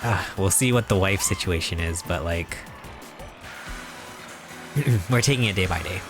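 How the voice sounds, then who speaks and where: Game music is clearly heard behind an unhurried young man in his 20s who streams live while playing. His voice is somewhat low, and his casual, rambling talk is full of mock-serious jokes and chuckles.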